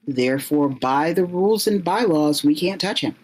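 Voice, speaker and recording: A woman's voice: low voice, expressive, normal speed, a little mellow. A woman voicing a jealous, centuries-old male vampire official who speaks formally and stumbles when cornered.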